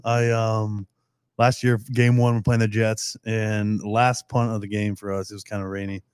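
A man's voice: fairly low pitch, little pitch movement, normal speed, a little mellow, smooth, no room sound, studio quality. A young adult man, a football player guest on a podcast, chatting casually and telling a loose, candid story with some swearing. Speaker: guest, NFL long snapper.

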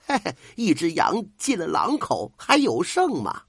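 A man voicing a greedy, scheming male official with a hot temper who turns shrill in anger. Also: wildly swooping pitch, a little slow, vocal fry, a bit bright, breathy edge, no room sound, clean studio sound, exaggerated voice. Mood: furious.

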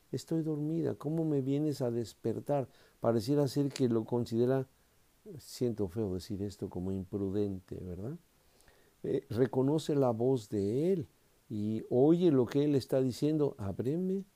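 A man's voice: mid-range voice, mellow. A man preaching and reading scripture aloud, reflective, often tagging his sentences with a questioning "right?". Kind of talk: Bible reading and sermon.

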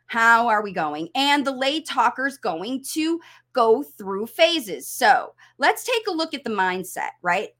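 A woman with a high voice explains language strategies to parents. Her tone is bright and lively, and she slips into playful quoted voices to act out confusion. She speaks into a desk mic. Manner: animated, acts out confused learners in quoted voices. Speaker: language coaching instructor for parents. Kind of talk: casual teaching talk over slides.

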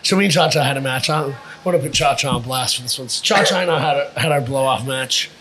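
Over a noisy crowd, a man talks at medium pitch and a quick pace. He's a fighter and wrestler appearing as a podcast guest, casually telling profane stories and animatedly acting out the lines of the people in them.

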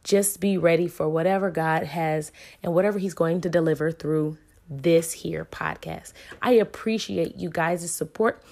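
Low, gravelly and a little mellow, this woman's voice moves at a moderate pace as she, a podcast host in her thirties, offers an earnest faith talk. She speaks emphatically, with the repetition of a preacher.

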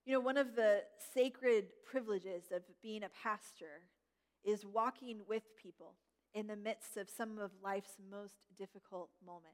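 A middle-aged woman pastor preaching a sermon, gentle and reflective, slowing down to stress key words. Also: medium pitch. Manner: gentle, reflective, slows for emphasis. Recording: long hall reverb.

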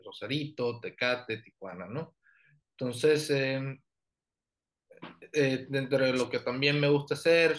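A man in his thirties from Colombia's Caribbean coast with that accent, an orthodontist explaining his work in an interview, relaxed with many fillers and restarts. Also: mid-range voice. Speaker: orthodontist guest. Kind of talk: professional interview and presentation.

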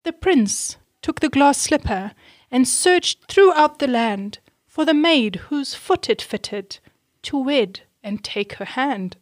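Slow woman reading a rhyming storybook. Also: high voice, lively intonation, dry recording, clean studio sound. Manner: slow, clear rhyming delivery with questions to children. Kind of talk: storybook read-aloud.

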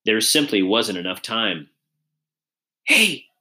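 A man reading a first-person story aloud in an earnest, measured way. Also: fairly low pitch, expressive, bright, forceful tone. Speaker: audiobook reader.

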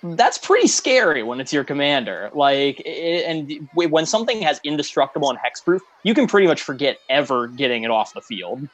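A man's voice: on the high side, big pitch swings, a little fast, hardly any pauses. A man co-hosting a casual chat about game cards, blunt and sarcastic with frequent laughs. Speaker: co-host reviewing cards.

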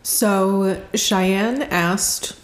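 Slow, laughing woman telling a ghost story. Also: medium pitch, steady tone. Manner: laughing storyteller, acts out quotes. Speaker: podcast co-host. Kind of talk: casual chat. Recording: echoey room.

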